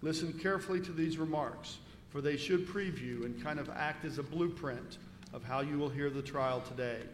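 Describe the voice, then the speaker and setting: A fairly high-voiced man, speaking at normal speed, delivers a presiding judge's formal, scripted jury instructions. Faint noise and heavy reverberation mark the echoey hall where it was recorded.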